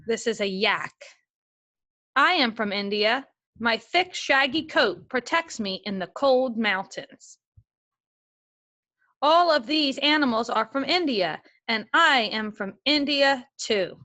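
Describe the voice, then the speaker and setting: Here the teacher's voice is on the high side, expressive and sharp, and she takes a slow pace. Leading young children in a remote lesson, she reads aloud from a picture book and patiently explains each step.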